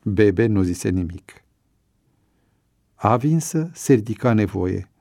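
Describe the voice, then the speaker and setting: Low, dark-voiced male narrator. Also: gravelly, no room sound, clean studio sound. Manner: measured, even storytelling. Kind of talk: audiobook narration.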